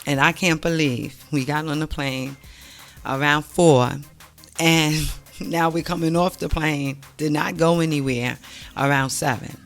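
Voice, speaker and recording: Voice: mid-range voice, measured pace, faint music behind. Vlog host telling a story, all worked up, acts out what everyone said. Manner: animated, exasperated retelling with acted quotes. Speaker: channel host.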